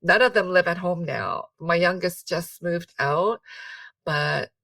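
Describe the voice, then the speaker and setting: A middle-aged woman, a mother of grown children, talking as a podcast guest in an animated, chatty way with bursts of laughter. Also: fairly low pitch, gravelly, no echo, recorded from a distance. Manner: animated, quick bursts, frequent laughter and "you know". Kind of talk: casual conversation.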